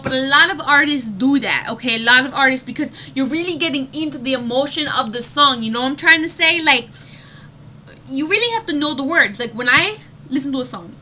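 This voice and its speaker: Young woman chatting singing tips at home, high bright voice, tons of fillers, faint background hiss. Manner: chatty, many fillers, bursts into sung demo notes. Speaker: vlogger giving voice tips. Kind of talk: casual vlog lesson.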